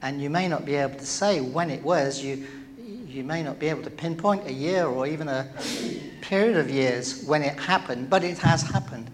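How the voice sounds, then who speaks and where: A man's voice: a little high, normal speed, a little hiss or hum. A man preaching a sermon to his church in a conversational way, with many fillers and questions to the congregation. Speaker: pastor.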